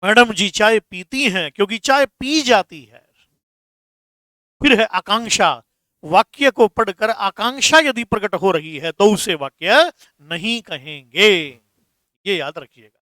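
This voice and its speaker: A man's voice: high-pitched, animated, sharp tone, dry recording. A man teaching Hindi grammar in a patient lesson, repeating terms and addressing students fondly. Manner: explains slowly, repeats terms, calls students "beta". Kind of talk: classroom lesson.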